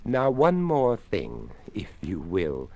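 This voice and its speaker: A man voicing a polite, courtly old skeleton who speaks formally and gently. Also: low-pitched, wildly swooping pitch, slow pace, full character voice. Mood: courteous.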